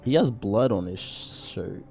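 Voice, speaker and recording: A man streaming a video game, reacting loudly in casual slangy commentary. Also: lowish voice, lively intonation, takes it slowly, creaky, faint music behind.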